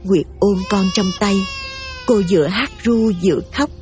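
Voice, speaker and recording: A woman giving steady, emotive scripted story narration over faint music. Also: mid-range voice, unhurried.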